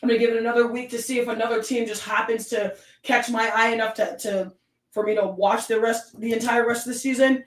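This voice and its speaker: A woman with a Southern accent hosting her own sports talk stream, ranting with emphatic, animated delivery. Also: on the high side, brisk, roomy sound, far from the mic, rough recording. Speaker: sports show host.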